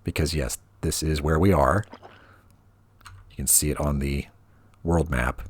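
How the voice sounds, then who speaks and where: Deep-voiced man in relaxed game commentary. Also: unhurried, breathy edge, dry recording. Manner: relaxed, wry, thinking aloud. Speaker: let's play host. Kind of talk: casual gameplay commentary. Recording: audible rain noise behind voice.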